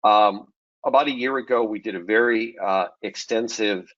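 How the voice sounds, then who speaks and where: A man gives a technical webinar in a low, early-morning voice, talking in a relaxed way with plenty of ums. The sound is dry and muffled, like a computer mic on a call. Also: normal speed, no room sound. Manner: relaxed, with frequent ums and restarts. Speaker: webinar presenter. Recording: dull lo-fi webinar audio.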